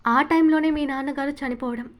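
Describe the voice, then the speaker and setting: A woman's voice: high-pitched, fairly even intonation, a little fast, dull audio, natural voice. A woman voicing a young man, an ardent and tender loving husband, in an audiobook novel reading, with a fond, coaxing manner. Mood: teasing.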